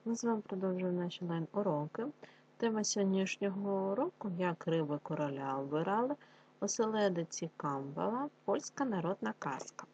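A woman teacher giving an online lesson to young schoolchildren, talking to them warmly and reading a folk tale aloud. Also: medium pitch, animated, lo-fi sound, slight background noise. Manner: warm teacherly address, slow drilled syllables.

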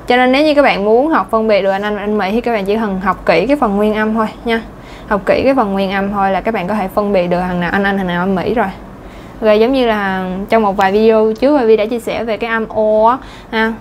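A woman's voice: mid-range voice, slight background noise. A woman with a Southern Vietnamese accent, talking casually as an English pronunciation teacher, chatty and full of fillers. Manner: chatty, lots of fillers and little laughs. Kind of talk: casual chatty lesson talk.

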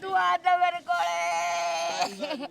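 An older mother cries out in grief, her voice high and gravelly. She is caught from far off, with a crowd of people murmuring around her. Her words break up into wails. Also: very animated, drawn-out words. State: crying. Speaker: mother of a missing son. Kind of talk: emotional lament. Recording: distant voice over a crowd.

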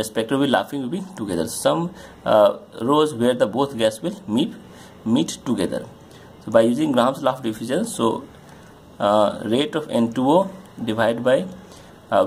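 Male chemistry tutor, halting delivery full of fillers, average pitch, light background hiss. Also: darkish tone. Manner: halting, many uh fillers, pointing at a diagram. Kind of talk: explaining a solved problem on a board.

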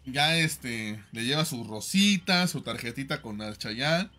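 Bright-voiced joking Mexican streamer. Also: male voice, medium pitch, animated, a little slow, faint music behind. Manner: joking, slangy, lots of fillers. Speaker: livestream host. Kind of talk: casual chat, joking advice to viewers.

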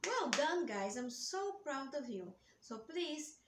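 A woman's voice: sits high, sing-song, takes it slowly. A middle-aged woman as an aerobics instructor leading a workout, calling out counts and short, simple, encouraging cues. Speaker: exercise instructor for children. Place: indoor room with bare wall and wooden floor. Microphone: camera a few metres away. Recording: roomy echo, distant mic, background noise.

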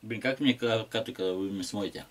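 Low-voiced man chatting while eating noodles. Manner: chatty, slangy, pauses to chew and hum. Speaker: mukbang vlogger. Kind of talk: casual eating vlog chat to viewers.

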